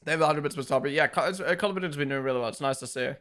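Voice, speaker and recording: A man's voice: fairly high pitch, very fast, fairly bright tone. A man hosting a live watch-along, talking loosely and swearing now and then. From New Zealand. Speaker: live stream host.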